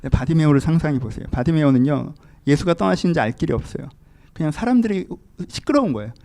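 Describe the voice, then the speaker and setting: A man's voice: on the high side, expressive, fast talker, gravelly, mellow. A man pastor preaching a sermon emphatically, asking the congregation rhetorical questions.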